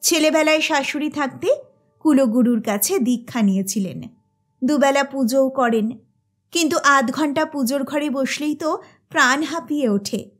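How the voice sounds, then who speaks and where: Storyteller, woman, high voice, measured audiobook narration over faint music. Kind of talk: reading a classic short story aloud.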